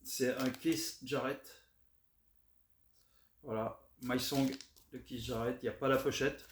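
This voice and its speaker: A man chatting casually as he shows off his record finds, relaxed and hesitant with many fillers. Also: medium pitch, slow pace. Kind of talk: casual unboxing chat. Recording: roomy echo, faint noise.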